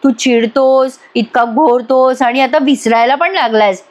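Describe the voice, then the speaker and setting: A woman voicing a sharp-tongued young wife who needles her husband mockingly. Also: high-pitched, a little slow. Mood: teasing.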